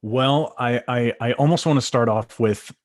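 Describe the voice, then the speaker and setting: A man's voice: mid-range voice, moderate pace, no room sound, studio quality. A man co-hosting a casual chat about acting, talking in a laid-back, easygoing way with plenty of fillers. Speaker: co-host.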